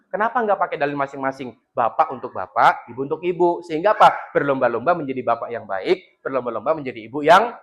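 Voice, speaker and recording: A man with a Javanese accent giving a lively parenting talk to parents at a school, joking with them and acting out parents and children. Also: sits high. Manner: jokes with the audience and acts out parents and children. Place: school hall with a parent audience.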